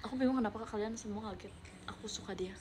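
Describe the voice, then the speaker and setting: A woman's voice: medium pitch, fast talker, noisy background. A young woman streaming live, chatting playfully with viewers and reading their messages, with English words mixed into her talk. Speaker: livestreamer reading viewer chat. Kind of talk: casual live-stream chat.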